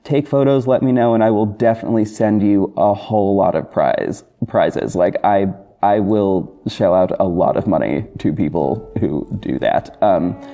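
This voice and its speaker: A fairly low-pitched man speaks at a moderate pace with few pauses, in lo-fi sound over background music. He's a podcast host and audio drama creator having an effusive, informal solo chat with his listeners.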